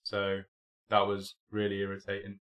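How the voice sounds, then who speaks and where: A young man hosts a live hobby stream, chatting casually and rambling with plenty of ums and restarts while still a bit worn out from a cold. His voice is fairly low and fairly bright, delivered completely flat at a normal speed.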